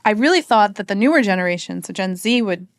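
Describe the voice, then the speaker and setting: Animated and quick, a woman with a mid-range voice chats as a podcast guest without any room sound. She is an American marketing executive, talking casually in an interview and thinking out loud with fillers and "right?" tag questions.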